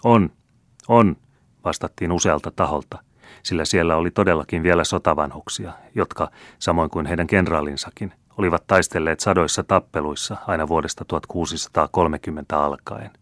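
A man reading a classic novel aloud as an audiobook narrator, in a measured, even storytelling manner. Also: rumbling low, dry recording. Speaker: audiobook reader.

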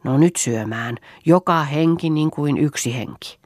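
A woman reading the part of a motherly, homely farm mistress in an audiobook, gently bossy and fond of proverbs. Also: low-pitched, no echo, clean studio sound.

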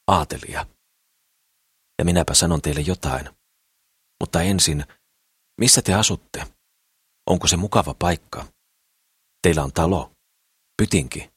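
A man's voice: low voice, slightly rough, dry recording, clean studio sound. A man doing a whispering, nosy noblewoman. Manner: whispering, prying. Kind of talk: audiobook character reading.

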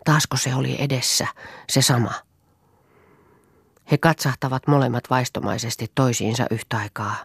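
A woman narrates a novel in a calm, measured reading voice. Her tone has a gravelly grain, and the recording is dry and close, with no room sound. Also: a bass voice, no room sound. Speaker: audiobook narrator. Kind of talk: scripted narration.

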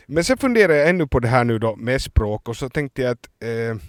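A man's voice: medium pitch, very animated, dry recording, studio quality. A Finland-Swedish man in a podcast chat who thinks aloud and searches for words. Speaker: podcast co-host. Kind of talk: casual chat.

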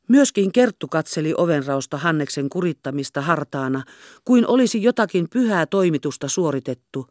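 A woman reading a classic novel aloud in a measured, expressive way. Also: on the low side, dry recording, clean studio sound. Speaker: audiobook reader. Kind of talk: literary narration.

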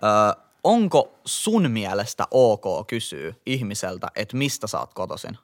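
Young Helsinki man, slangy, animated. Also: fairly low pitch. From Finland. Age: young adult. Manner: slangy, animated storytelling with laughs and many fillers. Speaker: podcast co-host. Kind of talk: casual chat.

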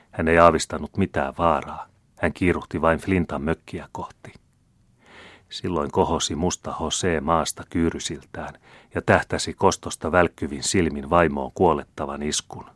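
A man reading a novel aloud as an audiobook narrator, in a steady and measured way. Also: rumbling low, dry recording. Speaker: audiobook reader.

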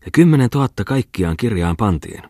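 A man's voice: lowish voice, sing-song, warm tone, no echo, studio quality, pitched above the performer's own voice. A man reading a novel aloud, voicing a pale, doubtful village shoemaker who speaks in a whiny, hesitant way. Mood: doubting. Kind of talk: audiobook character reading.

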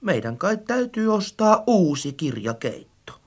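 Performer doing an eager, easily spooked storybook sidekick, voice leaping up and down, calls out loudly. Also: medium pitch, husky. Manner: lively, expressive, calls out loudly. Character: eager, clumsy, easily frightened companion. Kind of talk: audiobook character acting.

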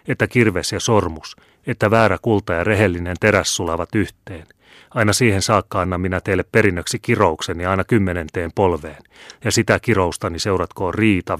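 A man's voice: sits low, fairly bright tone, dry recording, studio quality. A man voicing a fiery, bitter old peasant leader who speaks sternly, in an audiobook. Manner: stern, proclaiming.

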